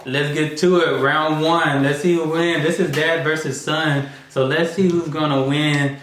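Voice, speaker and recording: A man's voice: fairly high pitch, fairly even intonation, unhurried. An American man chatting casually to camera as the dad hosting a family challenge video. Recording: very echoey room, faint noise.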